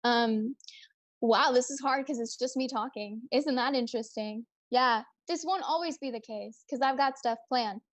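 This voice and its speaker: A young woman hosting a casual livestream, chatting brightly and reading out viewer comments and questions. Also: a little high, normal speed. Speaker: livestream host.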